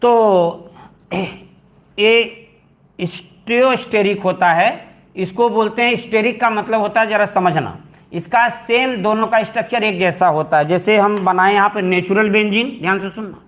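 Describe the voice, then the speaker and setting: A man's voice: high voice, a little slow, fairly bright tone. A male chemistry teacher lecturing students, repeating key terms and stressing what is important, calling them "beta" and mixing English words into his speech. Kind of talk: classroom lecture.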